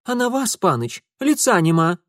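A reader voicing a cheeky young maid with a Ukrainian-flavored rural accent who talks back sassily. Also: female voice, medium pitch, big pitch swings, moderate pace, no room sound, studio quality, pitched above the performer's own voice, natural voice. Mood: sassy scolding. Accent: Ukrainian-flavored rural speech.

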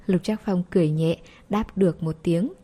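A woman narrating a romance audiobook in a steady, even storytelling manner. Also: fairly low pitch, moderate pace, slightly rough.

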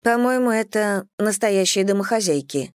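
A reader voicing a frightened young wife who hides her fear behind forced, casual brightness in a raised voice. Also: medium pitch, lively intonation, moderate pace, no echo, clean studio sound, voice pushed up, close to an everyday voice.

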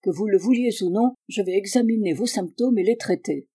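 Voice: medium pitch, brisk, warm tone, breathy edge. Un lecteur qui fait parler un médecin dévoué et inquiet, d'un ton sincère et insistant. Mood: earnest. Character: concerned loyal male doctor, earnest.

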